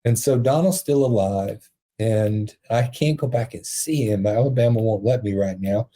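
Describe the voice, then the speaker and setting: A man with a low, mellow voice tells a heartfelt story as a podcast guest. He speaks earnestly and with emotion, and soft laughs break into his telling. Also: moderate pace. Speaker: podcast guest, prison ministry founder.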